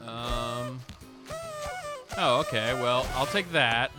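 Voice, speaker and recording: Over loud background music, this man talks slowly in a mid-range voice. He's a gaming video host doing unscripted let's play commentary, wandering between thoughts, cutting himself off, and reading the game's text out loud.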